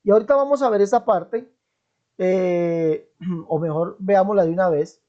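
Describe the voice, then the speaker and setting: Speaking at a moderate pace in a high-pitched voice, a man gives emphatic Bible teaching online. He repeats important phrases and keeps checking in with listeners, and the audio sounds dull and lo-fi.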